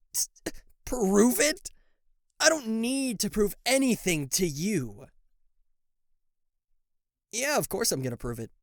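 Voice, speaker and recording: In a roleplay audio addressed to the listener, a man plays a cocky, sarcastic devil, a fallen angel who is secretly fond of them. His pitch swings widely as he teases and blusters theatrically, sounding indignant and stumbling into stammers. The recording is dry, with no room sound or echo.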